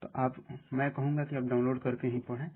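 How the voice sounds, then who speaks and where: Tutorial presenter: husky man, flat delivery, tinny phone-like audio, plain step-by-step walkthrough. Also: mid-range voice, fairly quick. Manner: plain step-by-step instructions, often saying "dekhiye". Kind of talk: screen-recorded app tutorial.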